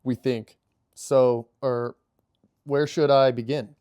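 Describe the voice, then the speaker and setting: A man's voice: medium pitch, fairly even intonation, takes it slowly, mellow, clear, resonant tone, dry recording, studio quality, natural voice. A man reading the part of a deferential male robot crew member, hesitant as he reads aloud.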